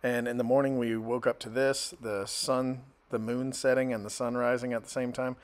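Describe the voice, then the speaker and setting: An American travel vlogger narrates a road trip and chats in a laid-back, joking, folksy way. His medium-pitched voice stays level at a normal speed, and the noisy phone audio picks up vehicle and outdoor sounds.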